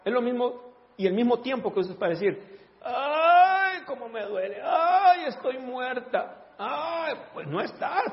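A man's voice: sits high, big-room sound, muffled recording. A man preaching a humorous sermon, laughing often and acting out voices.

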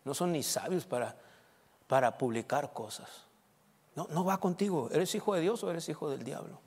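A man preaching a sermon as pastor, emphatic, swinging between loud and soft and checking in with the congregation. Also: a little high, expressive, moderate pace, husky. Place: church. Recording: long church reverb.

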